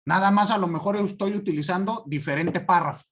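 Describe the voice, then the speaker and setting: A man giving a class lecture, stressing key words and often asking students if it is clear. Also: high-pitched, brisk, fairly bright tone, a little hiss or hum. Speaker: law teacher.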